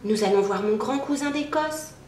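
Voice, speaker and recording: A woman's voice: a little high, normal speed, darkish tone, reverberant, recorded from a distance, slight background noise, lightly acted. A woman voicing a cheerful little female mole who speaks in a friendly, plain way.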